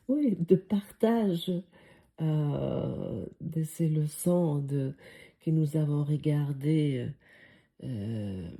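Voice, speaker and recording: A low-voiced woman with a foreign accent carrying a Swiss tinge gives a reflective spiritual lesson. She speaks slowly and hesitantly, filling pauses as she muses. Her tone is very dark and mellow. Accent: foreign French accent with Swiss tinge. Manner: hesitant, many fillers, musing. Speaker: spiritual course teacher.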